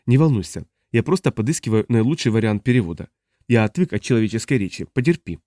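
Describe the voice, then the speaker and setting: A man's voice: lowish voice, lively intonation, fast talker, warm tone, no room sound, clean studio sound, lightly acted. A man voicing a weary, stern human translator living among aliens.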